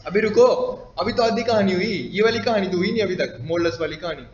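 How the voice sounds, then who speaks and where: High-voiced man teaching a class. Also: fast, a little hiss or hum. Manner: teasing, quizzes students often. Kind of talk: classroom lecture. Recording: echoey classroom, dull lo-fi audio.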